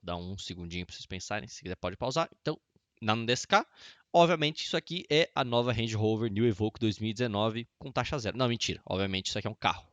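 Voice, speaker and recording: A man's voice: lowish voice, racing, hardly any pauses, dry recording. Chatty young man teaching a lesson. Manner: chatty, explains with repeated examples and jokes. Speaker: Japanese language teacher. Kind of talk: casual video lesson.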